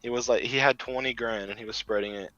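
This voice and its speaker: A young man with a bright, forceful voice tells crude school stories, full of swearing and laughter. The sound is dry and a little dull, like a cheap home mic. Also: medium pitch, fairly even intonation, fast talker, dry recording, faint music behind. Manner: laughing, profane storytelling. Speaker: podcast co-host. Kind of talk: casual chat.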